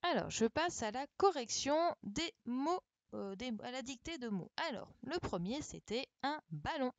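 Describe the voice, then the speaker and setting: A woman's voice: sits high, expressive, measured pace, no echo. A woman teaching young pupils over a live stream, correcting a dictation and spelling words out letter by letter with a patient, checking manner. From France. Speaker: primary school teacher. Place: home setup for an online class. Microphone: computer microphone for a live stream.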